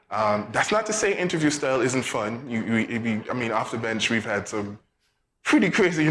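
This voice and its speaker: A man from Saint Kitts with a Kittitian accent answering casually as an interview guest, thoughtful and halting, often repeating words. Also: fairly low pitch, a bit bright. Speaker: interview guest, podcast producer. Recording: faint background noise.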